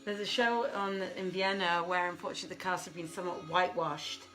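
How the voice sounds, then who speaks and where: A woman with a lowish, steady voice talks quickly, hosting a casual live online reading from a home room with a desk and piano. She chats, mutters to herself, and sounds apologetic, while soft music plays behind the livestream and the audio quality is poor.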